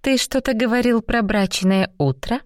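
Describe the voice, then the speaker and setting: A woman voicing an eager, earnest young woman in love in an audiobook, her voice lifted high and breathy. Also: moderate pace, no echo, studio quality, lightly acted. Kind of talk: audiobook reading.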